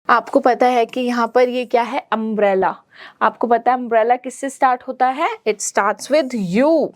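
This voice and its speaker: Slow Indian woman teaching phonics. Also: on the high side, no room sound. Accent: Indian English. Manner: spells words letter by letter, then says them; mixes Hindi and English. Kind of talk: phonics lesson for children.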